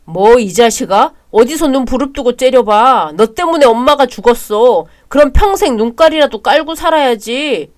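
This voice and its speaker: A woman voicing a hot-tempered young husband who shouts harshly and bosses his younger brother around. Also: mid-range voice, normal speed, hardly any pauses, close to an everyday voice. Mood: angry.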